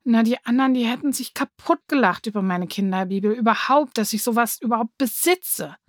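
A woman's voice: a little high, a little fast, no room sound, clean studio sound, close to an everyday voice. A woman voicing a shy, timid boy who talks hesitantly in a children's story. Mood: downcast. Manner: hesitant, quiet.

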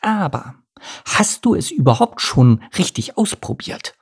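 An eager, chatterbox seagull girl with a bright, bouncing voice that swoops high, as a male storyteller puts her on. She sounds bossy in a friendly way, with a husky, gravelly edge beneath the lift. It is a cosy children's storybook reading. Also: sing-song, heavily acted. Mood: teasing. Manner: bubbly, bossy and quick to plan.

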